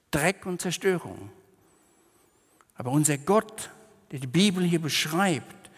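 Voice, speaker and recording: A man's voice: mid-range voice, breathy edge, long reverb tail. A man preaching a sermon, explaining scripture in a conversational way with everyday asides.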